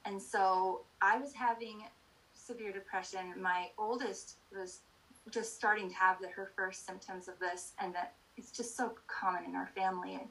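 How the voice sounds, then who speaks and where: A middle-aged woman speaking as an interview guest, candidly sharing personal experience in an earnest, halting way that often backtracks. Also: medium pitch, fairly even intonation, a bit bright, low-quality recording. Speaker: podcast guest.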